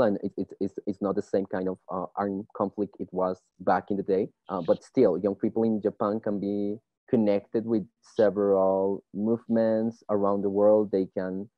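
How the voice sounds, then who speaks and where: A man moderating an online panel, speaking haltingly and repeating words. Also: fairly low pitch, dry recording. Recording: tinny dry phone-like call audio.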